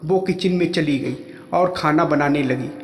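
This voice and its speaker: A man telling a first-person story in plain, steady narration. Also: on the high side, unhurried. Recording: echoey room with long reverb.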